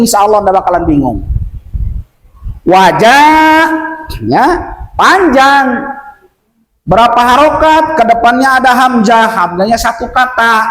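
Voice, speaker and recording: A man from West Kalimantan teaching Quran recitation rules to village men, explaining patiently and chanting verses slowly to demonstrate. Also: very high-pitched. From West Kalimantan, Indonesia. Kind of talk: tajwid lesson for village men. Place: village prayer gathering room. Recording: echoey room.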